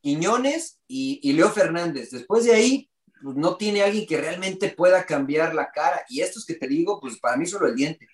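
A man's voice: fairly high pitch, animated, normal speed, recorded from a distance. A man giving his football opinions in casual chat, making his case point by point. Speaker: football podcast panelist. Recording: roomy, echoey room sound.

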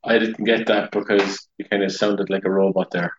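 A man with a lower voice hosts a laid-back sports podcast, keeping his replies short and steering toward the next topic. He sounds roomy and slightly dull, like he is calling in over the internet. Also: flat delivery, normal speed. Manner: brief, agreeable, steers the segments. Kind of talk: casual sports chat. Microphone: remote call over the internet. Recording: muffled, echoey internet call audio.

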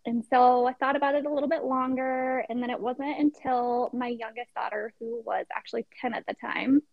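A woman's voice: a little high, fairly even intonation, moderate pace, gravelly, dry recording. A middle-aged woman, a podcast guest, telling her story in casual, chatty conversation. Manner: chatty storytelling with frequent laughs. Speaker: podcast guest, pageant contestant. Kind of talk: casual interview chat. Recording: dull lo-fi sound.

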